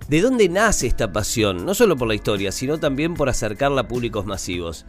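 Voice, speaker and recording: A man's voice: medium pitch, big pitch swings, fairly quick, faint music behind. A man with a Rioplatense Spanish accent interviewing a guest, reacting with enthusiasm and casual slang. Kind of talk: conversational interview.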